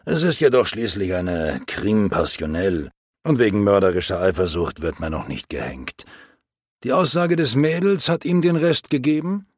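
A man voicing a gray-haired senior law partner, husky and matter-of-fact. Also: on the low side, expressive, normal speed, no echo, clean studio sound.

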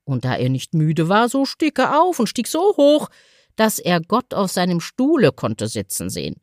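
A woman reading a fairy tale aloud as a storyteller, in an expressive, sing-song way. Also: on the low side, moderate pace, no echo, clean studio sound.

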